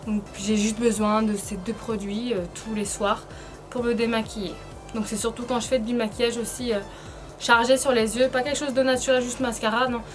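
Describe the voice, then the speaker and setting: A woman's voice: a little high, level tone, normal speed, music in the background. A woman giving a casual, chatty beauty tutorial, hesitant and informal, her speech slightly impeded by painful braces. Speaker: beauty vlogger presenting a tutorial.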